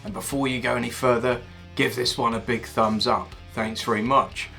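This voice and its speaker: A British man from the United Kingdom hosts a car leasing channel, speaking in a mid-range, steady voice with vocal fry and a sharp tone at a moderate pace. Slightly stuffed up from a cold, he chats informally in a casual review monologue, reeling off prices and specs over soft background music.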